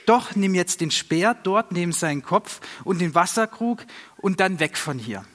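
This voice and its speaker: A man's voice: high-pitched, animated, unhurried, a bit bright. A man voicing a bold, earnest young warrior in a storybook reading, speaking in a raised, reproachful voice. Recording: long reverb.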